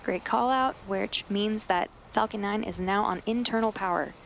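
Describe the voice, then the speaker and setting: A woman's voice: mid-range voice, normal speed, creaky. Woman commentating a launch, faint noise. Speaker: launch webcast host. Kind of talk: explanatory live launch commentary.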